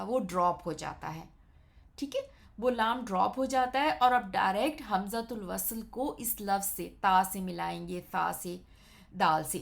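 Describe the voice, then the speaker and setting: A woman gives an Arabic grammar lesson in a patient, step-by-step way, pausing often to check that her listeners follow. Her voice has a gravelly edge and sits at an ordinary middle pitch. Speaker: Arabic teacher.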